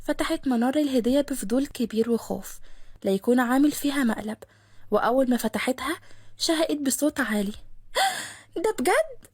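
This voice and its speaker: A woman with an Egyptian Arabic accent narrating a romance story in a brisk, lively way. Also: high-pitched, husky, no echo, studio quality.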